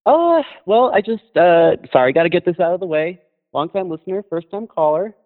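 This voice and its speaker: Halting man calling in by phone. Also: high-pitched, animated. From Colorado. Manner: hesitant, halting, many fillers and restarts. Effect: heard over the phone. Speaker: caller to a talk show. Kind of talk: casual call-in chat. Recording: tinny phone line.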